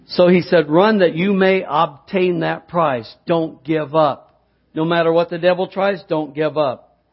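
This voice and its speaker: A man's voice: on the high side, fairly even intonation, measured pace. A middle-aged man preaching a sermon, telling a homespun story and building to fervent exhortation. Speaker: pastor. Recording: dull lo-fi sound.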